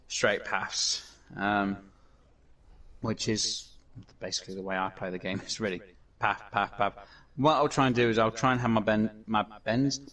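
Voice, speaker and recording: A man's voice: lowish voice, a bit bright, recorded from a distance. A man hosting a casual gameplay commentary, talking in a rambling way with many fillers and restarts. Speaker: gaming channel host.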